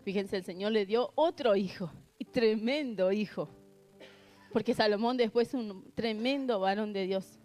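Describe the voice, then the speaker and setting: A woman's voice: mid-range voice, measured pace, a little mellow, soft background music. A woman preaching a sermon, earnest, reading scripture and asking the congregation rhetorical questions. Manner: reads scripture aloud between remarks.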